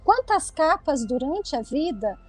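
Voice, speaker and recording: A woman's voice: high-pitched, sing-song, measured pace, faint music behind, rough recording. A woman psychoanalyst reflecting thoughtfully in an interview over a video call, often adding tag questions.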